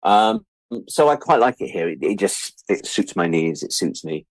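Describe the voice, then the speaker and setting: A British freelance media producer of around sixty appears as an interview guest, talking casually and reflectively with candid, wry humor and repeating words for emphasis. His low voice has a sing-song quality at a moderate pace, captured in a dry recording of poor audio quality.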